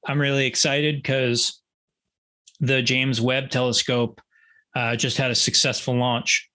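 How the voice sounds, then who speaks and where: A man's voice: medium pitch, bright, forceful tone. A male guitarist answering interview questions in a rambling, self-deprecating way with many restarts. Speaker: guitarist guest.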